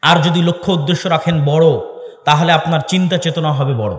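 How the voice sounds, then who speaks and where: Impassioned high-voiced preacher in echoey hall. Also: male voice, steady tone, fairly quick. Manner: impassioned, rhetorical questions. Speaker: Islamic lecturer. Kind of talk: sermon-style public speech. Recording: echoey hall with long reverb.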